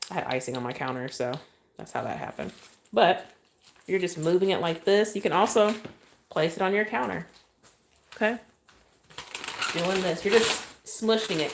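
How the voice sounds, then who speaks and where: A woman's voice: fairly low pitch, a little hiss or hum. A chatty woman, demonstrating cake decorating on a live stream and often thanking her viewers.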